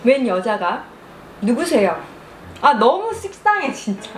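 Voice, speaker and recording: A young adult woman telling a story casually over food and drink, chewing while talking and speaking in an animated storyteller's manner. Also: on the high side, measured pace. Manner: animated storytelling, acts out quoted lines. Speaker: mukbang vlogger. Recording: roomy echo, music behind.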